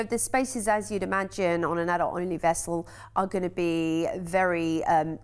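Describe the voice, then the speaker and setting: An English woman with a slightly low voice hosts a TV shopping segment. She talks in a chatty, enthusiastic way and fills her pauses with ums, recorded on a studio mic. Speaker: cruise sales presenter. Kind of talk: TV shopping channel presenting.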